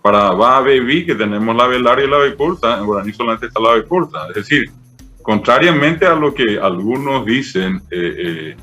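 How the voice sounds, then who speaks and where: Un hombre de mediana edad con acento paraguayo, profesor invitado que explica con paciencia y muchos "eh" y "¿verdad?". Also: male voice, mid-range voice, expressive, moderate pace, pushed and bright, soft background music. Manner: patient, didactic, many fillers "eh" and "¿verdad?". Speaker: Guaraní language professor, guest. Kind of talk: explanatory interview talk.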